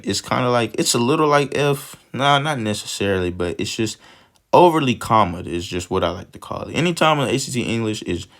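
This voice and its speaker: A man with a cold, sniffling, casually talking through English test questions step by step and thinking aloud as he goes. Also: lowish voice. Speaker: test prep tutor. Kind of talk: walking through practice questions.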